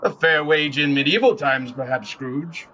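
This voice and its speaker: A man's voice: on the high side, moderate pace, sharp tone, highs cut off, slight background noise. A man playing a mocking, grandiloquent ghost in an audio play, declaiming his insults in a theatrical way. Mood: scornful. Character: scornful, theatrical male Ghost of Christmas Present.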